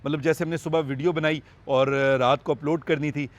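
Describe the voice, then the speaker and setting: A man's voice: on the high side, brisk. A man keeping animals on a farm, talking casually to his vlog viewers in a chatty way and repeating phrases to press a point. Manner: calm, coaxing with an animal. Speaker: vlogger, wild animal farm keeper.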